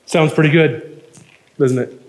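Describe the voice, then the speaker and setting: A male pastor with a notably high voice delivers a sermon in an earnest, emphatic way. He reads passages aloud and presses his points with steady conviction. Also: a little slow.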